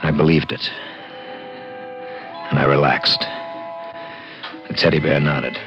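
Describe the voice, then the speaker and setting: A man's voice: rumbling low, flat delivery, slow pace, creaky, exaggerated voice. An actor playing an intense, plain-spoken garage mechanic in his thirties, narrating a vintage radio drama in a slangy, urgent, confiding way. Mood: recounting. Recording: muffled old radio recording with music.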